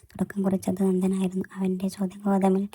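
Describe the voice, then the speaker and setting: A woman narrating a romantic story in a soft, steady reading voice. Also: mid-range voice, fairly quick, slightly rough.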